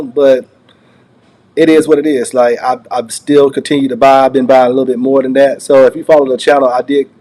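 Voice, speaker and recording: On his own channel, a man reacts to a recorded call, rambling casually and without a script as he circles back over his phrases. His mid-range voice is a little mellow.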